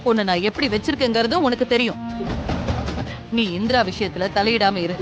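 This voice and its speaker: A woman's voice: on the high side, fairly quick, muffled recording, lightly acted. An actress playing a domineering mother-in-law who scolds in a harsh, commanding way, in a TV serial. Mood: stern. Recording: TV serial with loud music under it.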